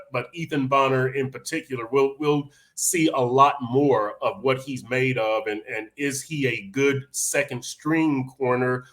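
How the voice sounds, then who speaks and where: A man's voice: mid-range voice, a bit bright. A man hosting a sports podcast, talking casually with frequent restarts and fillers. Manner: halting, many restarts and fillers. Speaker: podcast host.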